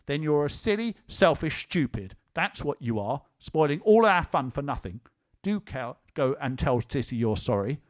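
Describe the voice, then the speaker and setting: Pitched above his own voice and fairly high, a man very animatedly portrays a sleepy, earnest little boy at a moderate pace. The boy argues with his sister in an earnest, scolding, reasoning way, a touch stubborn.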